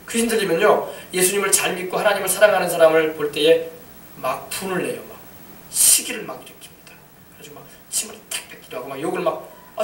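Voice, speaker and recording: In a large, reverberant church, a male pastor preaches a sermon, his high voice pushing fast and erupting into shouted commands. The mic sits some way off, and a faint noise runs underneath.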